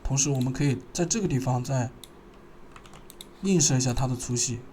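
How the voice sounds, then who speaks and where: A man narrating a screen-recorded software tutorial, thinking aloud and pausing as he works. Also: medium pitch, slight background noise. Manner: thinking aloud, halting, pausing while working.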